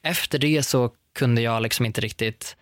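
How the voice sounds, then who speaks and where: A young man in casual chat, telling lively stories full of fillers and restarts. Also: mid-range voice, dry recording, clean studio sound. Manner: animated storytelling with hesitant fillers.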